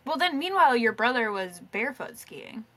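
A woman's voice: fairly high pitch, sing-song, a little fast, a bit bright. A woman co-hosting a podcast, chiming in with teasing, playful remarks in casual chat. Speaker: podcast co-host.

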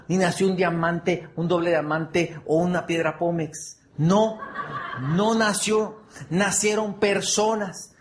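A man's voice: high-pitched, a little hiss or hum. A man giving a motivational speech to an audience, earnest, repeating phrases and asking the audience for agreement. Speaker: motivational speaker.

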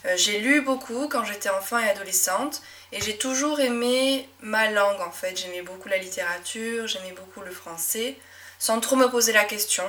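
Young french teacher lady w a médoc accent, reflective chatty monologue, bright voice, bit far from the mic. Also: mid-range voice, normal speed. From southwest France. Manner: reflective, frequent euh fillers and soft laughs. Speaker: French teacher and podcast host. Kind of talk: casual personal monologue.

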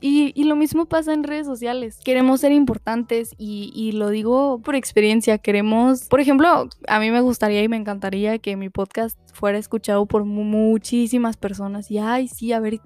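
A young Mexican woman muses aloud on her solo podcast, chatty and reflective, full of little fillers and asides. Her voice sits fairly high yet sounds mellow and soft-edged. The recording is dry and close to the mic. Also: steady tone, moderate pace, few pauses, dry recording, faint music behind. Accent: Mexican Spanish. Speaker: podcast host.

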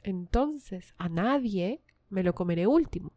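A woman's voice: medium pitch, expressive, a little slow, warm tone, dry recording, studio quality. A woman voicing a crude, cruel one-eyed male giant who gloats over his captives. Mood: gloating.

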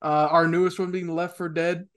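A young man co-hosting a gaming podcast in casual chat, upbeat and quick to list things. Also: a little high, little pitch movement, clean tone. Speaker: podcast co-host.

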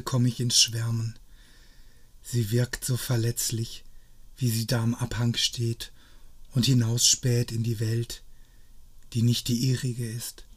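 Slow husky guy reading a story, dry and wry. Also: medium pitch. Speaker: narrator.

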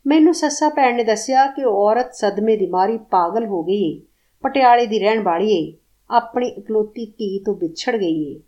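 A woman reading a literary short story aloud in a measured, expressive, somber way. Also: medium pitch, dull audio. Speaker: story reader.

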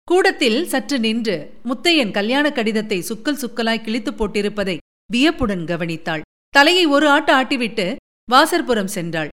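A woman narrating a novel chapter in a measured storytelling manner. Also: a little high, sing-song, a bit bright.

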